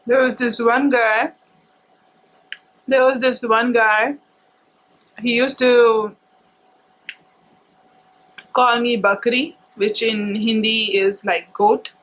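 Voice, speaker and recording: A woman with a high, bright voice shares a personal story as a casual vlog. She speaks in a halting, reflective way and takes her time between phrases. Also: fairly even intonation, rough recording. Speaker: food vlogger telling personal story.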